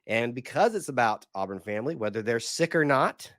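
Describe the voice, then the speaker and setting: A man with a hoarse, sick-sounding voice, hosting a casual sports podcast in an energetic, rambling way. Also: medium pitch, brisk, dry recording, clean studio sound. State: hoarse from a cold. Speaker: podcast host.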